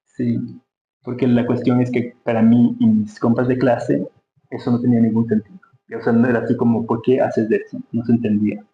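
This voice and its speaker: This Ecuadorian-accented interview guest talks fairly quickly in a medium-pitched voice that barely rises or falls, with faint music in the background. His tone is casual and reflective, as if he's thinking out loud, and the audio is dull and roomy with a slight hum.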